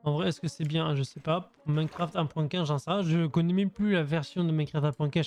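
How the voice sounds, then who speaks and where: Over background music, a smooth, fairly high male voice with a darkish tone chats through gameplay. He is a young video creator, thinking out loud in casual slang.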